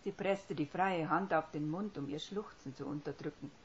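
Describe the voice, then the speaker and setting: Woman narrating with a low voice. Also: slight background noise. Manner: steady, measured storytelling. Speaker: audiobook reader. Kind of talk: scripted fiction narration. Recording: dull lo-fi recording.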